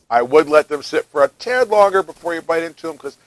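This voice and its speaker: A man's voice: on the high side, no room sound, poor audio. Chatty man in a dry home kitchen. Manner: chatty, relaxed, talks while tasting, frequent fillers. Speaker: home cooking vlogger. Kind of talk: casual cooking chat.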